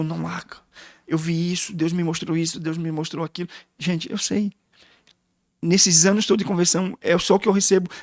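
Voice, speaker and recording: A man's voice: high voice, no room sound. Man, Brazilian Portuguese accent, guest pastor, emotional storytelling, dry close sound. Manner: emotional, storytelling with quoted dialogue. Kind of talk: testimony in a casual interview.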